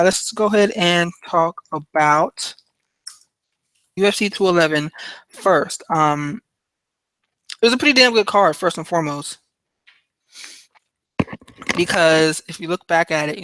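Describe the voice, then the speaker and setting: A man's voice: a little high, fairly bright tone, clean tone, no room sound, low-quality recording. A man hosting a podcast on his own, talking casually about fights with a loose, rambling delivery and plenty of fillers and restarts. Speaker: podcast host. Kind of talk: casual solo podcast talk.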